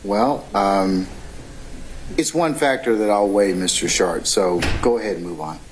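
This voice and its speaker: Male judge, lower register, courtroom ruling from the bench, faintly noisy audio. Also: unhurried.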